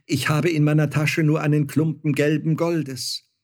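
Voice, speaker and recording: A man's voice: on the high side, flat delivery, normal speed, a little mellow, pitched above the performer's own voice, close to an everyday voice. A man voicing a poor, humble starchild boy in a storybook reading, with an earnest, pleading manner.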